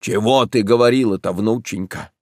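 A man's voice: on the low side, normal speed, dry recording, studio quality, lightly acted. A man reading an audiobook voices an old peasant woman who mumbles, laments and scolds. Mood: lamenting. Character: old peasant woman, grumbling, hard of hearing. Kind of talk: audiobook narration.

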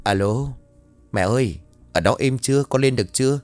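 A man's voice: mid-range voice, normal speed, dry recording, close to an everyday voice. A man voicing a bored young nephew who speaks politely and pleads with his elders. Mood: pleading.

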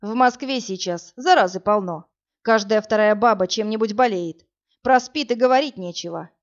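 A woman voicing a cold, pragmatic wealthy married businessman in an audiobook, speaking in a dry, calm, lecturing way. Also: mid-range voice, moderate pace, natural voice. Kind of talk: audiobook character reading. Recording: dull lo-fi audio with faint music.

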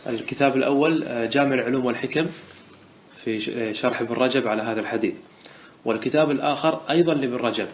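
A sheikh giving a religious lesson, reading a text aloud and then explaining it with an even, hesitant delivery. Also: male voice, mid-range voice, rapid-fire. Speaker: sheikh teaching a hadith collection. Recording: dull lo-fi recording with faint hiss.

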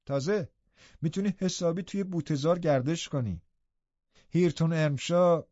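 A man voicing a kindly, patient middle-aged housekeeper woman who speaks gently and reassuringly. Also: fairly high pitch, no room sound, dull audio, voice pushed up, lightly acted.

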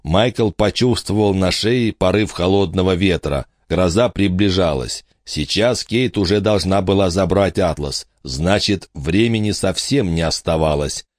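A man narrating a children's adventure novel in an expressive storytelling manner. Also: low-pitched, measured pace, few pauses, no room sound, studio quality. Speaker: audiobook narrator. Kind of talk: scripted narration.

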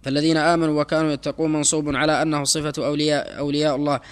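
A man reads a classical text aloud to his teacher at a fast clip. His delivery stays flat and even, with small slips he corrects as he goes. The voice is clear and smooth. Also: fairly high pitch. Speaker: student reading the text aloud.

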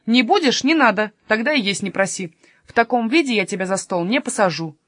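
A woman voicing a strict, bossy aunt who rules the house, sharp and commanding. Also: fairly high pitch, animated, a little fast, no room sound, studio quality. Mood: scolding. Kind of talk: storybook reading.

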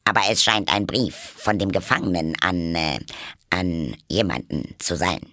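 A man's voice: deep voice, expressive, pushed and bright, no echo, clean studio sound, exaggerated voice. A man voicing a nervous, deferential rabbit courtier who talks reverently and in a hurry. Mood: hurried. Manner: overly reverent, hurried.

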